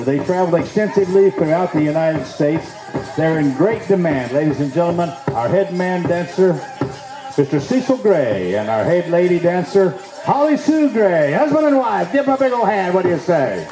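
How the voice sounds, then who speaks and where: A man working as a powwow emcee, announcing the grand entry to the crowd in a folksy, showman's manner with drawn-out phrases. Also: high voice, lively intonation. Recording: echoey PA sound with music behind.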